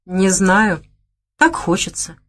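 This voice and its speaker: A woman's voice: mid-range voice, expressive, slow, fairly bright tone. Woman reading a sincere young man with lost memory. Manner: simple, earnest, hesitant.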